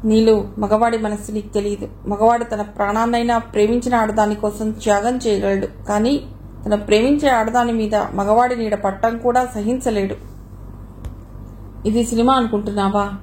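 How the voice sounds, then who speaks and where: A woman's voice: fairly high pitch, fairly even intonation, moderate pace, darkish tone, slight background noise, close to an everyday voice, rough recording. A woman reading the part of a heartbroken young man who pleads and reproaches in an audio novel. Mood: anguished.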